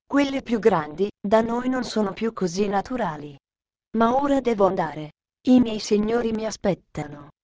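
A woman voicing an eager, pushy aunt who talks in a hurried, placating way, read close to her own voice. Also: mid-range voice, animated, dark tone, no room sound, natural voice. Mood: insistent. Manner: hurried, smoothing things over.

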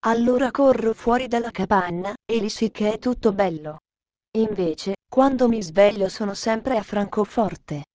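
A woman voicing a shy, homesick little girl who speaks softly in a storybook reading. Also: mid-range voice, measured pace, no echo, natural voice. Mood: wistful.

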